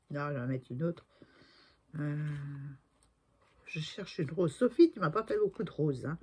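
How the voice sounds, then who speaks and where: A woman's voice: low-pitched, animated, measured pace, darkish tone, husky. A woman in her sixties chatting through a crafting tutorial, talking to herself as she works and often trailing off to a murmur. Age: 60s. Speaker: crafting video maker.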